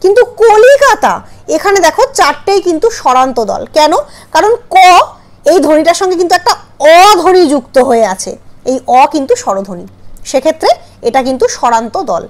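A woman's voice: high voice, very animated. A woman teaching a grammar lesson, asking her students questions and sounding out syllables one by one. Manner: patient, questioning, spells out syllables slowly.

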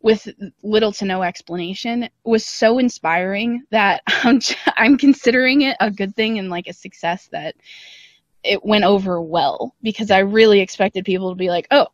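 A woman guesting on a podcast over a remote call chats casually and informally about her work as an audio drama creator. Her voice is medium in pitch and her pace is normal. The call audio is slightly dull and lo-fi, with no room sound.

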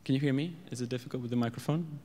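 A young man from Sweden presents at a lectern, speaking in a measured, steady way into a stand microphone. His mid-pitched voice carries the long reverb of a large event hall. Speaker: architect giving a conference talk. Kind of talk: conference presentation.

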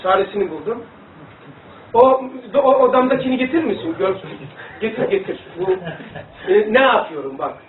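A man with a high-pitched voice gives an informal religious lesson at a normal pace, pausing often. He rambles animatedly and demonstrates things for his listeners, captured distantly by a phone-like mic in an echoey room.

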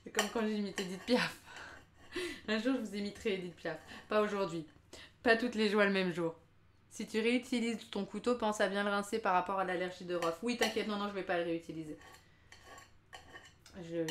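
A woman's voice: mid-range voice, fairly even intonation, brisk, background noise. A young woman streaming live while she cooks, chatting casually, joking at her own expense and laughing often. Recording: roomy kitchen with faint clatter.

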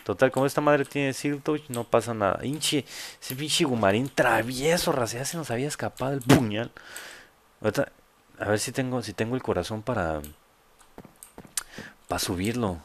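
A man's voice: mid-range voice, moderate pace, a little hiss or hum. A man with a Mexican accent giving casual, joking let's play commentary full of crude slang. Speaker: gamer host.

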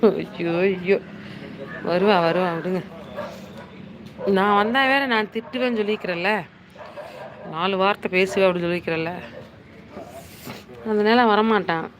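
Unhurried and medium-pitched, with long pauses, a middle-aged woman hosts a casual live stream in a hill town in the Nilgiris. She teases and chats, exclaiming as she reads viewers' comments into her phone. The audio is poor, with crowd noise.

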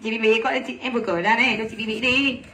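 A woman selling clothes on a livestream, talking rapidly and gushing over each piece while teasing her helpers. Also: on the high side, steady tone, pushed and bright. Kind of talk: live sales pitch.

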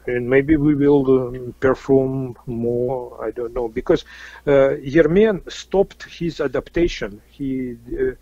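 Halting man guest with a Russian accent, very slow delivery, dull dry recording. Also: medium pitch, warm tone, dry recording. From Kazakhstan. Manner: halting, many fillers and restarts. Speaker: interview guest, musician. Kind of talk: casual interview answers.

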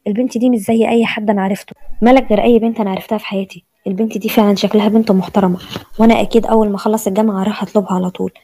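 A woman's voice: mid-range voice, steady tone, very fast, warm tone, no echo, close to an everyday voice. A woman with an Egyptian accent voicing a polite, earnest young male student. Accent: Egyptian Arabic.

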